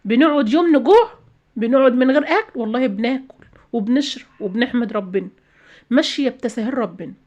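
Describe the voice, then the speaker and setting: Egyptian woman vlogger, quick and insistent, somewhat high voice, preachy home advice. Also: expressive, a little mellow, muffled recording. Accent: Egyptian Arabic. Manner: emphatic, repeats phrases, preachy. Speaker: channel host. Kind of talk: casual advice talk to viewers.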